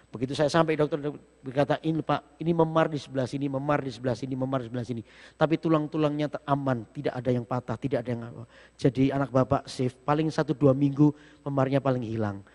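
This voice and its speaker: A man preaching a sermon in speech, telling a personal story with emotion and lively rhetorical questions. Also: mid-range voice. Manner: emotional storytelling, sometimes breaks into slow song. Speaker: pastor. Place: church sanctuary. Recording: long reverb of a church hall.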